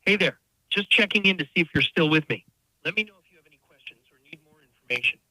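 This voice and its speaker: A man's voice: on the high side, animated, fast, sharp tone, no room sound, poor audio. A synthetic male AI sales agent's voice, heard through a phone on speakerphone, with polite scripted customer-service phrasing. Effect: played over a phone on speakerphone.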